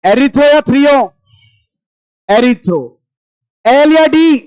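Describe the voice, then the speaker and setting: A man's voice: extremely high pitch, animated, a little mellow, dry recording, low-quality recording. A man teaching chemistry to a class, firing short questions and repeating them as he goes. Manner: quizzing students with rapid repeated questions; familiar, addresses class as brother. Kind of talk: classroom lecture.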